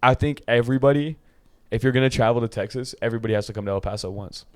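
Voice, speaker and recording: A man's voice: medium pitch, racing. A twenty-year-old man from California, a podcast guest talking in loose, casual chat full of restarts and filler. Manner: loose, filler-heavy talk with many restarts and "bro".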